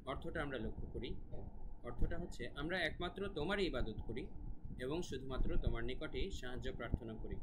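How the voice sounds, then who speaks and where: A man teaching pronunciation of scripture verses, explaining each sound and then reciting slowly with long drawn-out vowels. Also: medium pitch. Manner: scolds a noisy child sharply.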